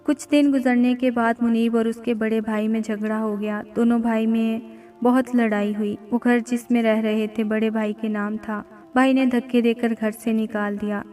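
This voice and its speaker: A woman narrating an emotional family story in a soft, even way. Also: on the high side, normal speed. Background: faint background music.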